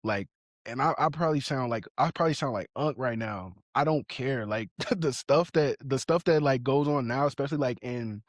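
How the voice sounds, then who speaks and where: A man's voice: mid-range voice, normal speed, no room sound, studio quality. A young man co-hosting a podcast, talking bluntly in slang and agreeing readily. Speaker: podcast co-host. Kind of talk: casual chat.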